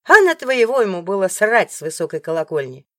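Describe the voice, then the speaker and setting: A loud, brash young wife who yells and jeers, played by a woman reading an audiobook. Her voice jumps high and shrill with big swings. The sound is close and dry. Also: sing-song, very slow, breathy edge, no room sound, exaggerated voice. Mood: sneering. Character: brash, shrieking young wife, rude and bossy. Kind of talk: audiobook character voice.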